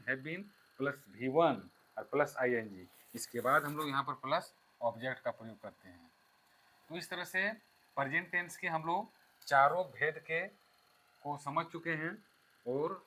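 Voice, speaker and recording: Bright-voiced man teaching a grammar lesson. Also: on the high side, poor audio. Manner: explains slowly step by step, dictating examples.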